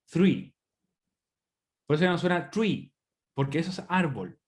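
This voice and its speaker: A man's voice: a little high, animated, brisk. A man from Chile, teaching an online English class in Spanish, often checking in with students. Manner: chatty, asks students questions often. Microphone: computer microphone on a video call.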